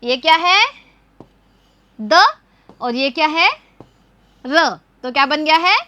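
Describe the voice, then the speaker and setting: A woman's voice: high voice, takes it slowly, pushed and bright, dry recording, muffled recording. A woman teaching a children's Hindi writing lesson, patiently repeating her questions and answers for young pupils. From India. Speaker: primary school teacher.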